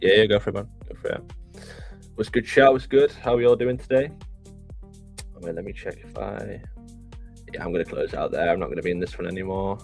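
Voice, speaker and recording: A man's voice: lowish voice, fairly quick, creaky, pauses often, darkish tone. A young man from the UK co-hosting a live trading stream, chatting in a laid-back way and greeting viewers. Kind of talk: casual live-stream chat. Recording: faint music behind.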